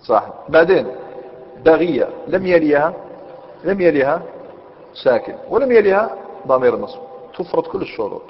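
A man's voice: fairly high pitch, big pitch swings, fairly quick, pauses often. A man teaching a grammar lesson, explaining step by step and often checking with his students. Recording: dull lo-fi recording in a reverberant hall.

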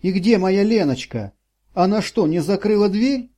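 A man's voice: sits high, lively intonation, normal speed, mellow, voice pushed up. A man voicing a frightened, blind elderly woman who pleads and sobs. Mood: pleading, alarmed. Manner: sobbing, pleading, panicky.

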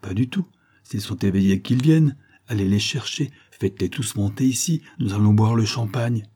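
A man voicing an exuberant young American man, loud and excitable. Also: fairly low pitch, moderate pace, slightly rough.

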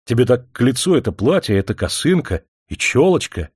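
A man's voice: mid-range voice, sing-song, brisk, darkish tone, slightly rough, no echo, clean studio sound. Man playing a flustered, pompous writer. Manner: flustered outbursts, pompous declaiming. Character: indignant middle-aged male writer, flustered and rhetorical.

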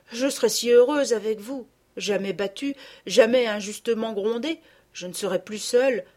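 A woman's voice: on the high side, darkish tone, natural voice. A woman voicing a sad, mistreated little girl in a storybook reading, speaking plaintively. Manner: plaintive, sighing.

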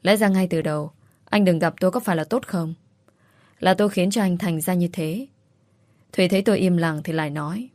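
A woman reads a first-person romance story aloud in a tearful, pleading way. Her voice is fairly low and the recording is dry and close, with no room sound. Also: fairly quick, a little mellow, no echo. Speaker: audiobook narrator. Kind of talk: emotional first-person novel narration.

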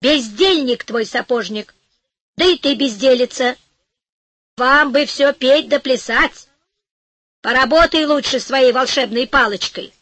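A woman's voice: high voice, lively intonation, a little slow, dry recording. A greedy grumpy old crone, as a woman puts her on. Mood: grumbling. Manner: grumbling, scornful.

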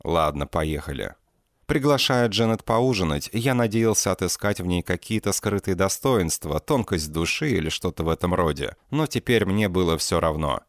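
Sex: man. Role: audiobook reader. Style: first-person narration. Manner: deadpan, sardonic, deep, expressive rise and fall. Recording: dry and close. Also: moderate pace, no room sound.

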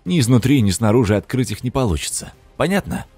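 A man's voice: mid-range voice, big pitch swings, quick pace, dry recording, soft background music. A man voicing a cold, commanding young witch woman in an audiobook, with a mocking, imperious manner. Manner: imperious, mocking, sharp-tongued. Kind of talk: audiobook character voice.

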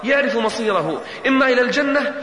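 Impassioned high-voiced preacher in echoey hall. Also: male voice, lively intonation, fast talker. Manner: dramatic, swings between hushed and raised voice, chants Quran verses. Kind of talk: emotional Islamic sermon.

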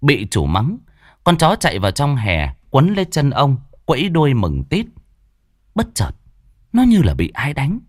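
A man's voice: mid-range voice, wildly swooping pitch, a little slow, dry recording, clean studio sound. A man telling a ghost story in a vivid, dramatic way. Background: faint music.

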